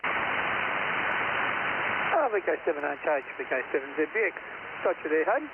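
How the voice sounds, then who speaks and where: A man, an amateur radio operator, heard over a shortwave ham radio link, talking in an easygoing, halting way and ending each turn with a sign-off. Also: a little high, lively intonation, gravelly. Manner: easygoing, halting with fillers, ends turns with "over". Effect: heard over a shortwave ham radio link, narrow and hissy. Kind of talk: radio contact exchange. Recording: tinny ham radio with loud hiss.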